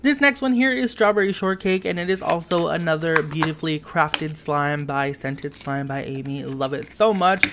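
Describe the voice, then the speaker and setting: A man's voice: on the high side, moderate pace, hardly any pauses, noisy background. A man chatting enthusiastically in a casual voice-over as he shows off and reviews slimes. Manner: enthusiastic, gushing, upbeat. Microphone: voice-over over tabletop footage.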